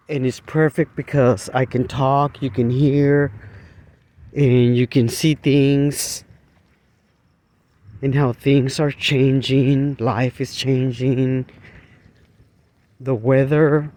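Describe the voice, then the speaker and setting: Vlogger, male, slow unhurried delivery, rambling walk-and-talk outdoors, passing traffic behind. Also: medium pitch, darkish tone. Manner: rambling, halting, with many fillers and restarts. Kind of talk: walking vlog, casual rambling talk. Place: outdoors, walking along a street.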